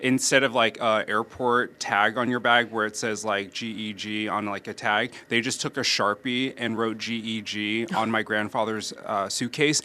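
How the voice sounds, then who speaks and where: A man TV news host chatting playfully in a streaming studio, enthusiastic with quick asides. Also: lowish voice, steady tone, pushed and bright. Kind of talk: casual studio chat.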